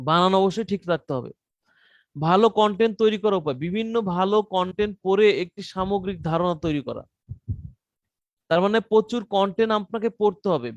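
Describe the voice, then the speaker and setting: A man explains things like a trainer in an online class, high in pitch. He talks loosely and conversationally, stopping often to restate a point. The sound is dry, with no room echo. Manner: conversational teaching with frequent fillers and restarts. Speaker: content writing trainer.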